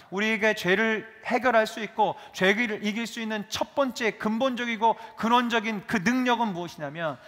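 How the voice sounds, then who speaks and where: A male pastor preaching a sermon, lively, acting out quoted dialogue as he goes. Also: sits high. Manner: animated, acts out dialogue in his telling. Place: church sanctuary. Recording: reverberant church hall.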